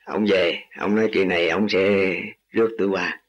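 A man's voice: sits low, steady tone, normal speed. An older man speaking humbly and formally, with self-deprecating jokes. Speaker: husband of a student. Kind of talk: formal respectful speech. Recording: dull lo-fi recording.

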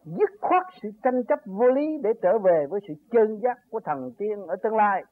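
A man's voice: high-pitched, big pitch swings, moderate pace. An older man giving an earnest, rambling spiritual talk that rises to emphatic peaks as he recounts his own journey. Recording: tinny phone-like recording with faint noise.

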